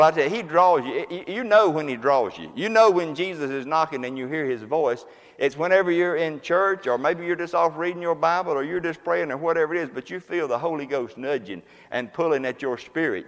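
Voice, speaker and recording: A male preacher with a somewhat high voice delivers a sermon in a plain, folksy, conversational manner. He leans on homespun examples and talks to the congregation like neighbors. His voice rings out with a long reverb from the church hall around him. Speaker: pastor. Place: church sanctuary.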